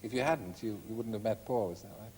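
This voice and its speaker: A man's voice: fairly low pitch, fast, warm tone, a little hiss or hum. A man hosting a TV chat show, teasing his guests playfully. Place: TV studio. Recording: 1980s broadcast, some hall reverb.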